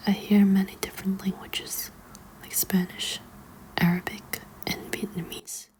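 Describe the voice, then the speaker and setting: A woman reads a children's book aloud as ASMR in a hushed, librarian-like whisper. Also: medium pitch, flat delivery, unhurried, poor audio. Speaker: ASMR reader.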